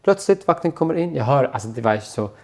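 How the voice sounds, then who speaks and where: A man, a guest telling his own story in an interview, speaking in a halting, quiet voice that often trails off. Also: medium pitch, expressive. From Syria.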